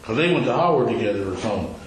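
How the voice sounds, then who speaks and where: A man in a recorded police interrogation, telling his story with profane street slang and lively retelling. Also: on the low side, racing, slight background noise. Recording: echoey room on a distant recorder.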